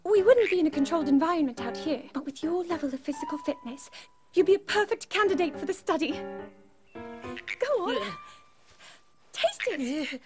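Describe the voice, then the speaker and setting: High-voiced young Princess Zelda. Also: female voice, lively intonation, normal speed, long pauses. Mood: excited. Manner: earnest, formal, precise phrasing. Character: young elf princess, earnest, scholarly and curious. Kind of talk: video game cutscene acting. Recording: game cutscene with music behind.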